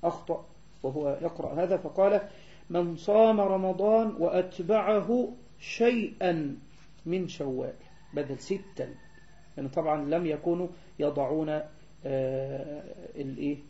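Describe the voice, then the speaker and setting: A man gives a classroom lecture in a mellow, fairly high voice. He explains patiently and slows down to recite verses and spell out letters. The recording is dull and lo-fi. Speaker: teacher of hadith sciences.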